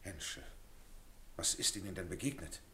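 A composed, lively-voiced gentleman. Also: sits low, moderate pace, a little hiss or hum. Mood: soothing, aloof. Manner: soothing, then cool and formal. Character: composed gentleman tenant, calming and aloof.

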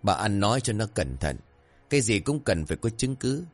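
A gruff, stern old countryman, voiced by the narrator in an audio story. His low voice scolds his wife firmly. Faint music sits underneath. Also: sing-song, brisk. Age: older. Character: stern old village husband, worried and gruff.

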